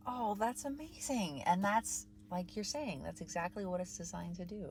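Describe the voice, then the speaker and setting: A woman's voice: mid-range voice, normal speed, darkish tone. A woman hosting as a rabbi, chatting enthusiastically and laughing often. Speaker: rabbi and host. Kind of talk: casual chat.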